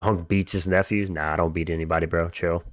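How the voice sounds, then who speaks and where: A man's voice: low-pitched, fairly even intonation, brisk, no echo, studio quality. A man hosting a livestream, chatting casually in slangy frat-bro talk as he reads out and answers viewer comments. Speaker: livestream host.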